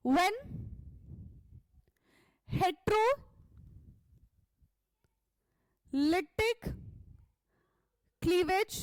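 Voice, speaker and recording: A woman's voice: extremely high pitch, a bit bright, dry recording, low-quality recording. A young woman teaching chemistry in a classroom lecture, explaining step by step and asking and answering her own questions.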